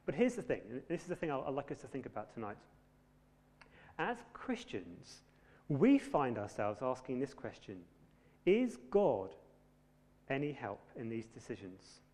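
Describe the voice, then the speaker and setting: A man preaching a sermon in a conversational, gently humorous way. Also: medium pitch, sing-song, normal speed. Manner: conversational, self-deprecating humour. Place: church. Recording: long hall reverb.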